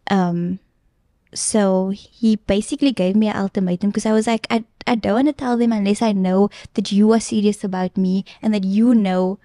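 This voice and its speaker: A woman's voice: medium pitch, normal speed, warm tone, no echo, studio quality. A young woman guest earnestly retelling a personal story in casual chat, with plenty of filler ums. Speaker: podcast guest.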